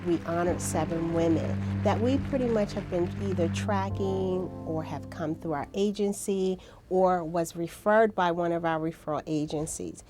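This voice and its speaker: A woman's voice: lowish voice, normal speed, hardly any pauses, warm tone, soft background music. A woman who directs a nonprofit answers an interview question in a plain, explanatory way, with small restarts.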